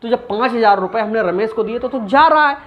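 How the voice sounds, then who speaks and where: A man's voice: very high voice, brisk, muffled recording, a little hiss or hum. A man teaching commerce in an informal recorded lesson, asking questions and answering them himself. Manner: animated, asks and answers his own questions.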